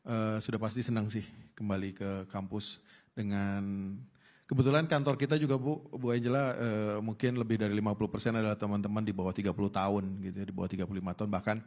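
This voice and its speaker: A man in his fifties with a somewhat low voice speaks as a guest on a campus panel. He talks casually and haltingly, pausing with fillers and restarting his sentences. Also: fairly even intonation, a little mellow. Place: campus auditorium stage.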